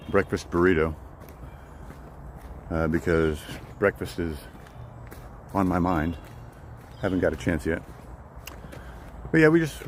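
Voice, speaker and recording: A man's voice: deep voice, slight background noise. A man live-streaming a hike on a wooded trail, chatting casually and greeting viewers by name, with a rambling way of repeating his words. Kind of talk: casual live-stream chat while hiking. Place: outdoors on a wooded nature trail.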